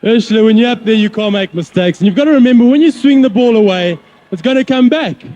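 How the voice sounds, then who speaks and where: Man, very high pitch, soft dark tone, athlete interview, explanatory, muffled VHS tape dub. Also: quick pace. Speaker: contest athlete being interviewed. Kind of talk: explanatory post-event interview.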